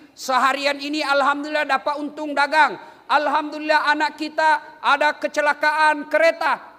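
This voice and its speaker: A middle-aged male preacher gives a comic sermon to an audience in a large hall. He is animated and bantering, moving from quiet asides to shouted punchlines. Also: extremely high pitch, slight background noise. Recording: hall reverb, faint background ambience.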